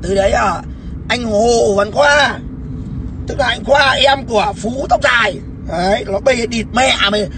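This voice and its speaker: High-voiced man taunting on a livestream. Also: brisk, few pauses, noisy background. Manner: mocking, profane, sarcastic. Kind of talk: taunting phone-call livestream.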